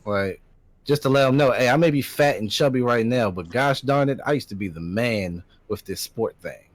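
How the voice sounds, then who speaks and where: Dry-sounding, emphatic young co-host. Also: male voice, mid-range voice, normal speed, dry recording. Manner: emphatic and joking, repeating lines for effect. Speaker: podcast co-host. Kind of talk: casual podcast chat.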